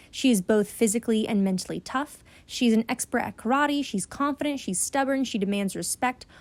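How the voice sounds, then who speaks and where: A woman's voice: fairly high pitch, a little mellow, no echo. A woman narrating a scripted video essay in an earnest, explanatory way.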